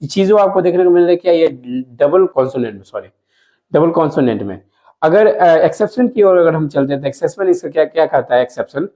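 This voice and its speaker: A man teaching a lesson to viewers, explaining slowly, repeating words and asking himself questions as he goes. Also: fairly high pitch, animated, warm tone. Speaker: English teacher.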